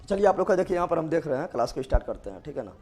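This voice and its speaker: A man's voice: on the high side, sing-song, rapid-fire, darkish tone. A man teaching a live online biology class in with a lilt, repeating questions and answers to his students. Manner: repetitive call-and-response questioning.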